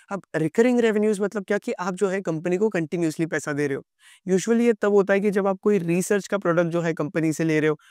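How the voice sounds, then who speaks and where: Fast, crisp-voiced man explaining finance. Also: high voice, darkish tone, no room sound, studio quality. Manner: conversational, addresses viewer directly. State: sore throat. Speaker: stock market educator.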